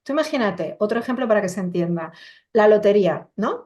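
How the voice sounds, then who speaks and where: A woman's voice: medium pitch, expressive, fast, a little mellow. A middle-aged woman, speaking as a coach and interview guest over a computer video call, emphatic and full of rhetorical questions. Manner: acts out quoted voices while explaining. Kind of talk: casual conversational interview.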